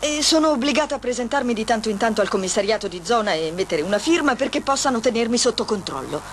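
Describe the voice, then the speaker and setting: Soap opera mistress played by a woman: sly, defiant, highish voice with big swings, faintly noisy old soundtrack. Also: lively intonation, quick pace, natural voice. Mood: evasive. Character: sly, sarcastic, defiant woman, a crook's lover. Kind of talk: dubbed TV soap opera acting.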